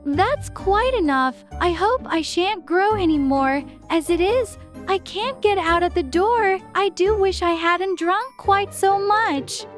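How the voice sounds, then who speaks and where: A man's voice: very high-pitched, lively intonation, slow pace, few pauses, fairly bright tone, soft background music, voice pushed up, heavily acted. A man voicing Alice, a curious, polite little girl who chatters to herself in a prim, wondering way. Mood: worried.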